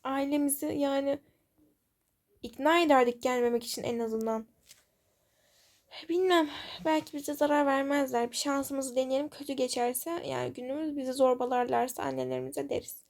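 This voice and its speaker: A woman voicing a timid new schoolgirl, an older sister, in a toy-game role-play story, speaking hushed and worried. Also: high voice, fairly even intonation, normal speed, vocal fry.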